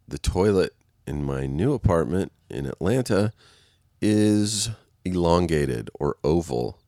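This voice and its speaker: This is a very deep, slightly mellow male voice with a clean tone, recorded dry at studio quality. He's a podcast host alone on a set, killing time with a casual solo episode. Nasal and congested, he rambles profanely and keeps laughing at his own expense.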